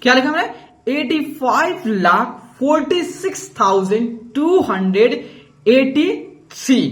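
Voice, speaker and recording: A man teaching a math lesson to students. He talks in a coaxing, encouraging way and keeps repeating himself to prompt them. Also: high-pitched. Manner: coaxing and repetitive, calls the viewer "bhai" and "dost"; upbeat and encouraging. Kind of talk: classroom lesson explaining to students.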